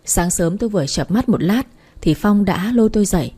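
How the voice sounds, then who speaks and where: A woman narrating a first-person love story aloud in a plain, even storytelling manner. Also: medium pitch, brisk, husky.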